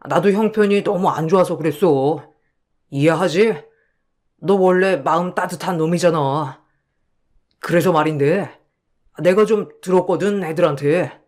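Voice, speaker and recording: A man's voice: fairly high pitch, natural voice. A man playing a smug, scheming con artist in a radio drama, coaxing an old school friend and then hurling abuse once he is caught. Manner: wheedling and brazen, turns to abuse when caught.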